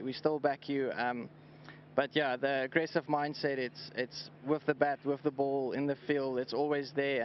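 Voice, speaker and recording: A South African cricketer, Afrikaans his first language, gives a halting post-match interview at pitch side and often repeats words. The outdoor broadcast audio is slightly dull, with slight background noise.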